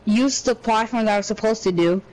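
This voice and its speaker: A man's voice: high voice, a little fast, a little mellow, slight background noise, poor audio. Rambling young man telling a story. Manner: rambling, profane storytelling with slang. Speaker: podcast co-host. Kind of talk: casual chat.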